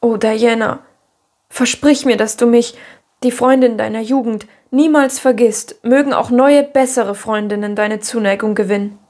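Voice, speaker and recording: A woman's voice: fairly high pitch, moderate pace, a little mellow, close to an everyday voice. A woman voicing a dreamy, imaginative orphan girl who speaks in lofty, theatrical phrases in an audiobook. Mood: tearful, yearning.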